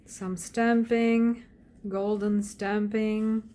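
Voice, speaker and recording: A craft vlogger whose first language is Slovak does an unscripted flip-through of a handmade craft journal, speaking hesitantly, often pausing and searching for words. Her voice is mid-range, warm and level in tone.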